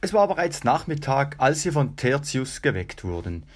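A man narrating a children's adventure audiobook in a steady, even storytelling voice. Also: medium pitch, normal speed.

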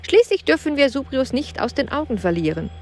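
A woman's voice: high-pitched, big pitch swings, brisk, darkish tone, pitched above the performer's own voice. A woman doing a bold, eager boy. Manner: eager and decisive, hissing when whispering. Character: bold, curious boy leading his friends.

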